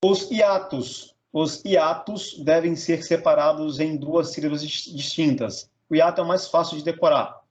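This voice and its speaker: A man's voice: on the high side, measured pace, hardly any pauses, lo-fi sound. A Brazilian man teaching a grammar lesson, sounding out words syllable by syllable and checking in with "tá?" and "beleza?". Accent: Brazilian Portuguese.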